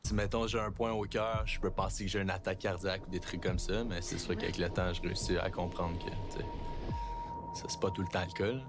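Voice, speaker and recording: A man in his twenties from Quebec, introducing himself calmly and earnestly as a reality show contestant. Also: low voice, a little fast, music in the background. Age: 20s. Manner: calm, plain, earnest. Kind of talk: televised self-introduction.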